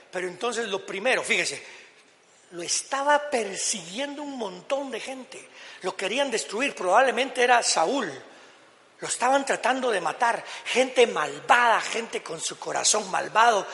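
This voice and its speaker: Older pastor guy preaching, high ringing voice, long church-hall reverb. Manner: dramatic, swings from low murmurs to shouted peaks. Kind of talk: sermon.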